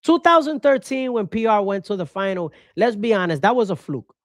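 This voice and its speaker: A man's voice: high voice, animated, a little fast, dry recording. Male sports host, passionate and repetitive, dry close-mic sound. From Puerto Rico. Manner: passionate, switches into Spanish, repeats points for emphasis. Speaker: baseball podcast host. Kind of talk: opinionated solo commentary.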